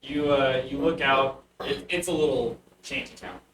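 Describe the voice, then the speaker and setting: A man improvising narration as the game master of a tabletop game, with casual, halting descriptions. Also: mid-range voice, steady tone, fairly bright tone. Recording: roomy, distant mic with faint noise.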